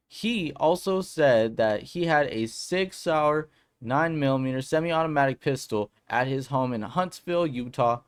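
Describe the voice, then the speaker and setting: Upbeat casual man commenting on the news. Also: medium pitch. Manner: upbeat, conversational, slangy. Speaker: political commentary vlogger. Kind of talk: casual commentary and reading a news article aloud.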